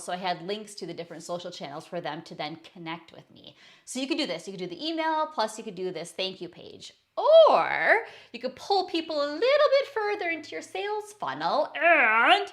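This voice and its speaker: A woman's voice: on the low side, lively intonation, fairly quick, few pauses, sharp tone. A woman coaching online business owners in a casual screen-share tutorial, chatty and self-correcting as she talks through her slides.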